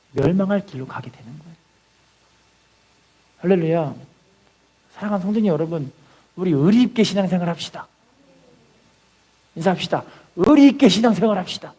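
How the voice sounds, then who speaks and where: A man preaching a sermon to his congregation, leading call-and-response and crying out prayers as he tells them. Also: mellow. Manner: cries out acted prayers at a high pitch. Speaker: pastor. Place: church sanctuary.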